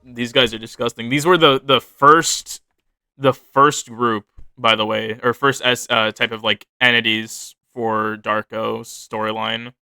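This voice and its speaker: Creaky, bright-voiced man. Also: mid-range voice, fairly even intonation, a little slow, no room sound. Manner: rambling, self-correcting, swears freely. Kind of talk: casual chat, reading his own fiction notes aloud.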